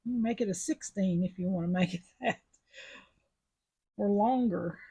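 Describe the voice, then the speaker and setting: Husky-voiced woman teaching beadwork. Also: medium pitch, normal speed, dark tone. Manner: chatty, step-by-step instructions. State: sucking a mint after coughing. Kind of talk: casual craft tutorial.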